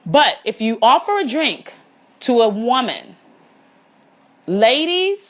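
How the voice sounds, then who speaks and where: A woman's voice: fairly high pitch, takes it slowly. Frank woman host, dull lo-fi sound. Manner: frank and animated, acts out quoted lines in character. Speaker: podcast host. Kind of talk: casual advice monologue. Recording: dull lo-fi recording.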